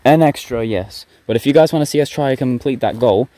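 A man's voice: medium pitch, brisk, mellow. Chatty young man vlogging. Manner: chatty, rambling, easygoing. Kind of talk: casual vlog narration and walk commentary.

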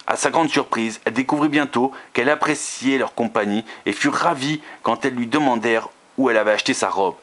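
A man reading a romance novel aloud, steady, with occasional slips and restarts. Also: mid-range voice, fairly quick, few pauses.

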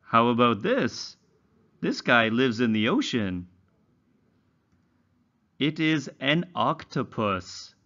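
A man's voice: medium pitch, sing-song, slow pace, pauses often, pushed and bright, dull audio. A man teaching young children in a read-along lesson, enunciating carefully with exaggerated, instructional intonation. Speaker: English teacher for young learners.

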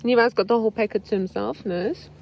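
A woman's voice: medium pitch, fast talker, creaky, dull audio, slight background noise. A woman in her forties with a South African accent, chatting playfully to the camera during a road-trip vlog from inside a car, filmed on a phone held at arm's length. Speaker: vlogger. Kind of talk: casual travel vlog. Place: inside a car at a petrol station.

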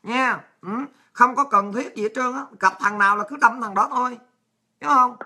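A woman's voice: fairly high pitch, moderate pace, pushed and bright. A woman with a Southern Vietnamese accent hosting a livestream, ranting crudely and abrasively while reading out viewer messages. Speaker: livestream host.

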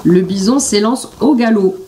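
A woman narrating a children's picture story in an expressive, animated reading voice. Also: medium pitch, moderate pace, recorded from a distance.

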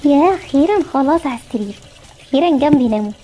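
In an amateur voiced game story, a woman with an Egyptian Arabic accent plays a fretful young mother of twin girls, switching between scolding and soothing. Her voice is high, expressive and warm, and she talks very fast. There's a slight hiss or hum in the recording.

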